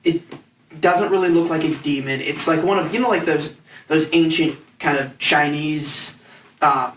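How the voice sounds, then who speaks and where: A man narrating a tabletop game as game master, describing scenes in halting, rambling phrases with many restarts. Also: fairly high pitch, fairly even intonation, fairly bright tone, far from the mic, slight background noise. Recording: echoey room, off mic.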